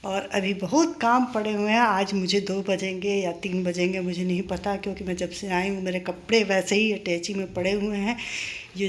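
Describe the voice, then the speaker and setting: An older woman chatting in a casual home vlog, reminiscing and encouraging her viewers. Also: medium pitch. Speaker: vlogger. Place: home in a paying-guest house.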